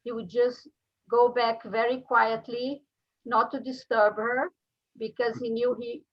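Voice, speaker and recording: A woman author telling an anecdote over a video call in an unhurried way. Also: fairly high pitch, little pitch movement, dull audio. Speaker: author in a writing group. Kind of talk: casual video-call chat.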